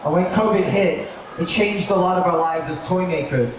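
Speaking with a high pitch at a moderate pace, this man, co-founder of a toy company, gives a loose, casual talk live at an indoor mall expo. His delivery wanders, with plenty of fillers and false starts. The sound comes from a faraway mic in an echoing hall full of crowd noise.

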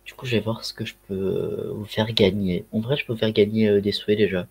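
A man's voice: on the low side, fairly even intonation, brisk, darkish tone, breathy edge. A man with a Ch'ti accent chatting casually on a livestream through a headset mic, rambling with lots of fillers and slang. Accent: Ch'ti (northern French). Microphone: headset microphone.

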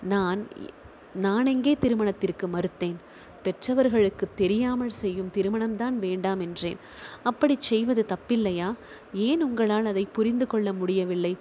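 A woman's voice: medium pitch, normal speed, mellow, a little hiss or hum, lightly acted. Woman reading as a wounded, accusing young woman. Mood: anguished. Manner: tearful, reproachful.

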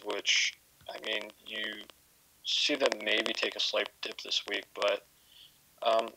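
Male co-host, lowish voice with a bright edge, analytical and stammering, faint hiss behind. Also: poor audio. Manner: analytical, stammers on repeated words. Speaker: podcast co-host. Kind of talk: casual sports analysis.

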